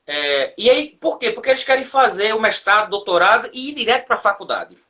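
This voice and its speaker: A middle-aged man, a history teacher telling stories in a relaxed chat over beer. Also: fairly quick. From Brazil. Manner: relaxed storytelling, lively pitch. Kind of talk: casual conversation over beer.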